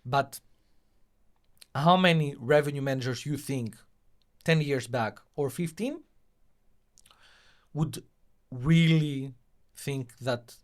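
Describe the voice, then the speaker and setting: This is a man with a clear Greek, Mediterranean accent and a middle-pitched voice. He talks as a guest in a conversational interview. He explains his thinking and sometimes frames it as a rhetorical question. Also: takes it slowly, pauses often. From Greece. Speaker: interview guest, hotelier and revenue technology professional.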